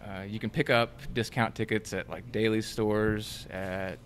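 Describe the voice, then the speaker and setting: A young man in his twenties chatting at a desk microphone in a newsroom, halting and searching for words with many ums. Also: on the low side, fairly even intonation, slight background noise. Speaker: features intern, guest. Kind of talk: casual newsroom chat. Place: newsroom studio.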